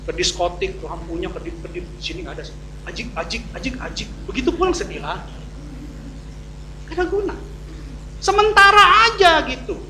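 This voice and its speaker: A middle-aged man preaching a sermon to a church congregation. He jokes, leans hard on key words, then drops to low asides. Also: normal speed, long pauses. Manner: lively and joking, swinging from loud emphasis to low asides. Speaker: pastor. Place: church hall. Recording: echoey church hall, faint hum.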